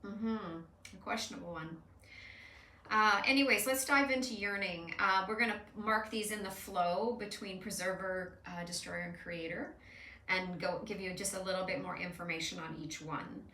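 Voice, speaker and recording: A woman's voice: medium pitch, steady tone, normal speed, pushed and bright. A woman hosting an emotional card reading, talking casually and explaining at length with frequent fillers. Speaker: host doing card readings with an AI. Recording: echoey room, somewhat far from mic.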